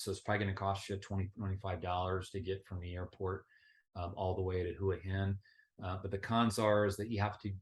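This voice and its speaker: Low, flat-voiced man giving travel tips. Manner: relaxed, conversational, many fillers and restarts. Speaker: travel vlogger. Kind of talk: casual advice vlog.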